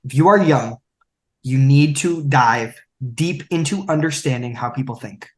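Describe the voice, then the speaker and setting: Speaking unhurriedly at a medium pitch, this podcast guest is a man in his twenties. His talk is motivational, and he coaches emphatically, performing the quotes he cites.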